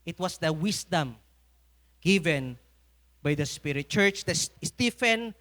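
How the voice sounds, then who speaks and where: A man's voice: fairly high pitch, expressive, slow pace, sharp tone. A man with a Filipino accent preaching a sermon at a church service, telling stories with humor and frequent laughter. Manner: humorous storytelling, laughs often.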